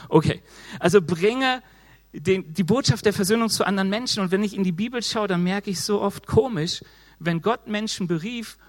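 A man preaching a casual, lively sermon, acting out excuses in quick quoted voices. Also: high voice. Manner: moves around while preaching.

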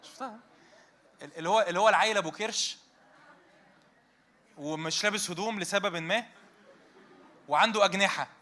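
A man's voice: high voice, fairly quick, long pauses. A man in his thirties or forties with an Egyptian Arabic accent, preaching a conversational sermon to a youth meeting and firing rhetorical questions at his listeners. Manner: animated, fires rhetorical questions at the audience.

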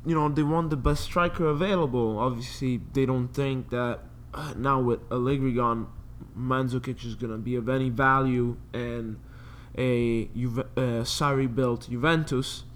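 A man's voice: mid-range voice, steady tone, normal speed, few pauses. A man chatting casually as a sports podcast co-host, with loose, informal phrasing full of filler words. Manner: informal, loose phrasing peppered with "like" and "you know".

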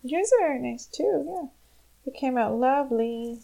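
A woman podcast co-host speaks at a slow, unhurried pace. Her talk is casual and conversational, with an everyday middle pitch. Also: lively intonation, creaky, warm tone. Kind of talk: casual chat.

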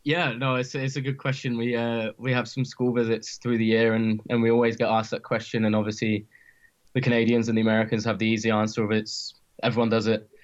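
A man with a Home Counties English accent gives a casual interview in an even, restrained voice. He sounds modest and slightly hesitant. The recording is somewhat dull and band-limited. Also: medium pitch, fairly quick. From Surrey, England. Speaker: interview guest, professional ice hockey player.

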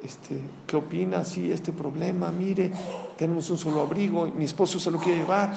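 A man's voice: fairly high pitch, steady tone, moderate pace, vocal fry, echoey room, in a large hall, crowd noise, pitched above the performer's own voice. A man voicing a pleading, worried wife. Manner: pleading, insistent.

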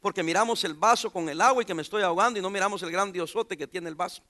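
A man's voice: high voice, quick pace, pushed and bright. A pastor preaching an informal sermon in a church, joking and putting questions to his congregation.

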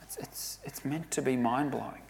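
A man preaching a sermon, earnest and emphatic, often dropping to a hush for weight. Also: mid-range voice, normal speed, vocal fry, a little hiss or hum.

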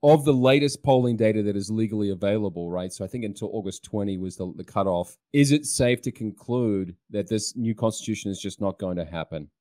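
A male podcast host with a lowish voice, relaxed and conversational, asks his guest probing questions. The sound is dry and close, with no room echo. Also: fairly quick, few pauses. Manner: conversational, inquisitive. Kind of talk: interview.

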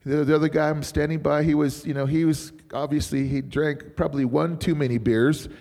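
A middle-aged male pastor with a gravelly, slightly raised voice preaches in a loose, storytelling way, rambling and chuckling as he goes. His voice rings with the long reverb of a church hall. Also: fairly high pitch, fairly even intonation, a little fast, a little mellow. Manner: rambling, chatty, laughs often. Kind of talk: informal sermon storytelling.

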